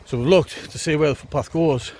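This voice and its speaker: A man with a slightly higher-than-average voice talks casually as he hikes. His delivery is wry and laid-back, with some swearing. It is recorded outdoors, with some wind and background noise. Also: a little fast, a little mellow. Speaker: hiking vlogger. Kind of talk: casual chat to camera while hiking. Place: outdoors on a wet, windy hiking trail. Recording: noisy, windy outdoor walking recording.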